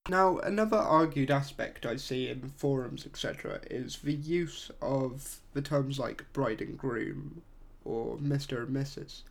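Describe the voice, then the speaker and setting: Gravelly-voiced podcast host asking questions. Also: male voice, medium pitch, measured pace. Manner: conversational questioning. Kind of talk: interview questions.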